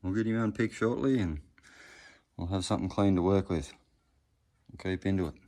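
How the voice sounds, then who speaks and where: A man's voice: low voice, a little fast, warm tone. A man with a broad Australian accent giving laconic, slangy, off-the-cuff commentary in a casual workshop vlog. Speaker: hobby car restorer presenting progress videos.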